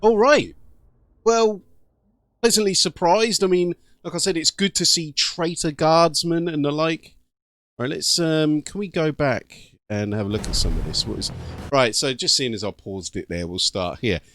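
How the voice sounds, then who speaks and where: A man's voice: a little high, normal speed, a bit bright. British man giving casual reaction commentary. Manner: informal, slangy. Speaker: YouTube gaming channel host.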